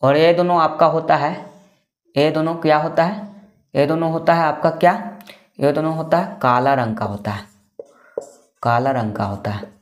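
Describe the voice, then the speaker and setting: A man's voice: a little high, moderate pace, pauses often. Male maths teacher, casual explainer, repeats himself, answers his own questions.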